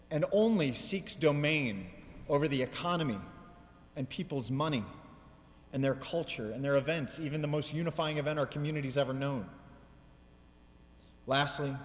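A man delivering a prepared mayoral speech at a ceremony, in deliberate, emphatic oratory with measured pauses. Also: a little high. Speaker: mayor giving an inaugural speech. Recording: reverberant hall, long echo.

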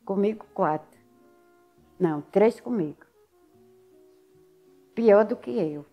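A woman's voice: medium pitch, takes it slowly, muffled recording, faint music behind. An older woman with a Northeastern Brazilian accent from Alagoas, telling her story in a casual interview and acting out what others said. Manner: lively storyteller who acts out other people's words.

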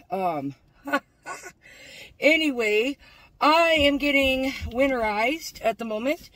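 Sitting in her car, a middle-aged American vlogger speaks informally and folksily to viewers, describing her own actions in a fairly high voice. A phone or camera on the dashboard picks her up with no room sound.

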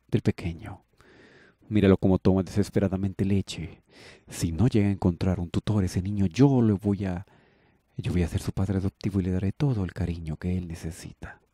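A man voicing a gentle, tender rich young man who soothes and cares for others. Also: low voice, no room sound, clean studio sound. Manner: soothing, affectionate, indignant at injustice.

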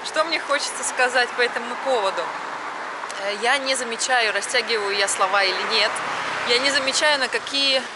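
On a nighttime city street, a thirtysomething woman vlogs as she walks, speaking into an action camera at arm's length. Outdoor street noise is audible, and her rather high, chatty delivery draws out vowels and hits final syllables hard.

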